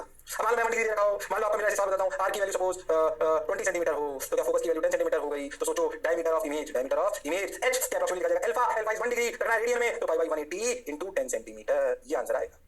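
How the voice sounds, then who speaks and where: A man teaching a physics lecture, energetic and coaxing, constantly firing rhetorical questions at his students. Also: high voice, quick pace. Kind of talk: classroom lecture.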